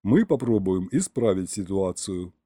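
Calm ship captain, male, firm orders, mellow voice, read by a man. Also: deep voice, a little slow, husky, dry recording, clean studio sound, pitched below the performer's own voice, heavily acted. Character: calm starship captain, middle-aged man, commanding.

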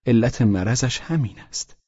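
A man voicing a calm, earnest, concerned woman in an audiobook reading, barely changing his own voice. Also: medium pitch, no room sound, lo-fi sound, pitched above the performer's own voice, natural voice.

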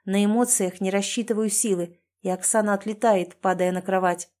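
A woman's voice: medium pitch, steady tone, fairly quick, a little mellow. Woman reading an audiobook. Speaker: audiobook narrator. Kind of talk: first-person audiobook narration.

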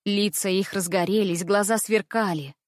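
A woman narrating a children's story in an even, measured reading voice. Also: mid-range voice, dry recording, studio quality.

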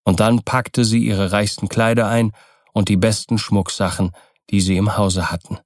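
A man doing scripted narration of an audiobook in a calm, even storytelling manner. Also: fairly low pitch, normal speed, no echo, studio quality.

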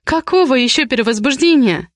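A woman reading aloud as a feisty young heroine of a romance audiobook, her voice pitched well above the reader's own. She fires back sharp, indignant retorts. The sound is close and dry, with no room around it. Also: expressive, brisk, no echo. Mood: tense.

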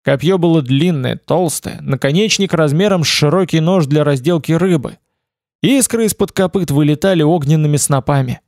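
A man reads an adventure novel aloud as an audiobook, in steady storytelling. His voice sits fairly high and is gravelly. The sound is dry and close. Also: normal speed, no room sound. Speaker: audiobook narrator. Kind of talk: scripted narration.

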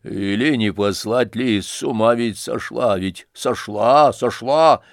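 A male audiobook reader voicing a flustered older general who fusses anxiously, at times in a hush. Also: mid-range voice, slow pace, no room sound, studio quality. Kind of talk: audiobook character reading.

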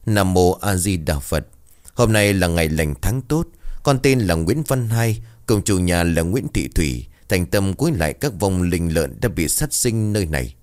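A man voicing a calm middle-aged male ritual master who speaks prayers in a solemn, measured way. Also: low-pitched.

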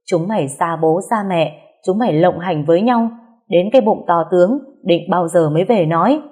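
A woman voicing an angry, stern middle-aged father who shouts and scolds. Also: on the low side, lively intonation, moderate pace, slightly rough. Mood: furious scolding.

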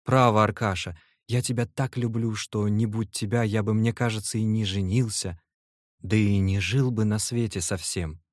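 A man's voice: lowish voice, fairly even intonation, dry recording, studio quality, close to an everyday voice. A man doing a shy lovestruck young clerk. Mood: earnest. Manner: halting, heartfelt.

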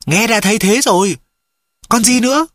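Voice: mid-range voice, moderate pace, fairly bright tone, no room sound, clean studio sound, close to an everyday voice. A reader voicing a talking male tiger from an audiobook, blunt and proud, answering in curt challenging replies. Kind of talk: audiobook dialogue.

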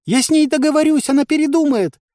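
A man voicing a panicked female village head who cries out in a shrill, pleading voice. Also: fast, dark tone, no room sound, studio quality.

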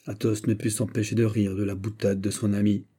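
A man narrating a classic novel as an audiobook, steady and literary. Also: on the low side, brisk, husky.

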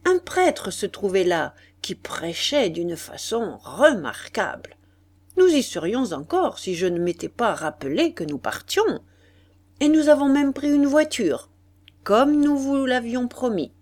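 A woman reading an audiobook voices a calm, unhurried gentleman who answers with mild surprise. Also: fairly high pitch. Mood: placid. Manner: peaceable, mildly surprised.

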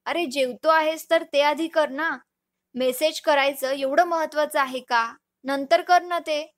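A woman voicing a lively young wife in a storybook reading, chiding and a little bossy. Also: high-pitched, measured pace, pitched above the performer's own voice. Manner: scolding, bright.

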